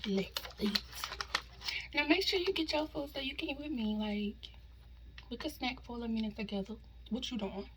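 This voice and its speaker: A woman hosting a casual mukbang, chatting informally and slangily to viewers as she eats, often slipping into soft, hushed asides. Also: fairly high pitch, normal speed, slight background noise, rough recording. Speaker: mukbang host eating on camera. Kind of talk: casual mukbang chat to viewers while eating.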